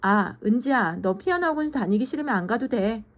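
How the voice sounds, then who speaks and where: A woman voicing a tired, gentle mother in a children's storybook, speaking softly and indulgently. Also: a little high, expressive, a little fast, natural voice.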